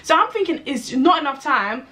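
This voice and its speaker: A young woman hosting a casual chat, laughing often and chiming in with quick slangy interjections. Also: high voice, animated, sharp tone. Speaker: channel host.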